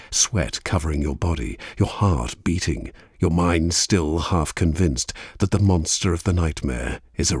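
A man giving measured, dramatic audiobook narration. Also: low-pitched, husky, dry recording, clean studio sound.

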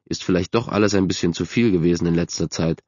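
A man's voice: deep voice, fast, dark tone, dry recording. A man voicing a sullen, grieving teenage boy who mutters sarcastic replies, in a dull, dry recording. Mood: brooding.

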